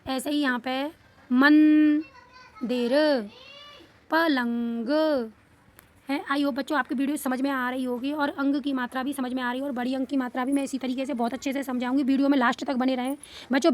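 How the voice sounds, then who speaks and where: High-voiced teacher drilling children. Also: female voice. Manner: patient, repeats questions and answers them, stretches words out slowly. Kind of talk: Hindi reading lesson for children.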